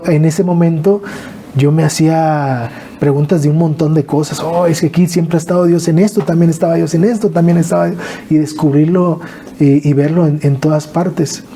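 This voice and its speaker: Northern Mexican man, earnest halting storyteller, warm dark voice, faint noise behind. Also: fairly high pitch. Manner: earnest, halting, with repeated restarts. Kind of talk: emotional personal storytelling.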